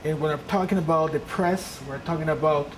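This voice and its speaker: A woman's deep voice holds a steady tone and brisk pace as she delivers a public lecture with slides. She is an earnest guest lecturer from Peru with English as her second language, recorded in a noisy, humming room.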